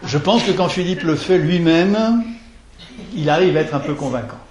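A man giving a lecture on verse translation, talking in a digressive, halting way with many restarts, reciting lines of poetry and tapping out their rhythm aloud. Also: a little high, expressive, darkish tone. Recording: roomy lecture hall recording, faint noise.

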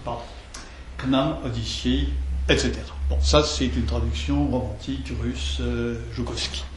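A man giving a lecture on verse translation, talking in a digressive, halting way with many restarts, reciting lines of poetry and tapping out their rhythm aloud. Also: medium pitch, fairly even intonation. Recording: roomy lecture hall recording, faint noise.

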